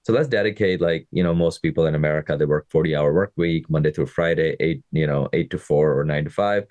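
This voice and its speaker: A man in his thirties from Pakistan speaks in a low, deep voice on his podcast. He coaches fitness and talks casually to his listeners, often checking in with them. The recording is close and dry, with no room sound. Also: fast talker, darkish tone, no echo, dull audio. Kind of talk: casual motivational podcast monologue.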